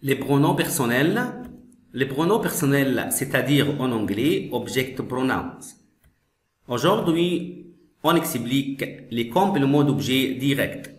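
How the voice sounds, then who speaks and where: A male teacher's voice, slow and patient, repeating every phrase and then explaining it. His voice sits at an ordinary middle pitch. It echoes around the room. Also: animated. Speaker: French teacher.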